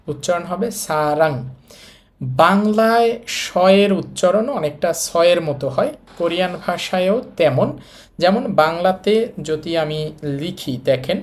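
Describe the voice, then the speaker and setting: A man with a Bangladeshi Bengali accent teaching a language lesson, walking viewers through each letter patiently and repeating key points as he writes them out. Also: on the high side. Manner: patient, repetitive, addresses viewers directly. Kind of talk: step-by-step lesson explanation.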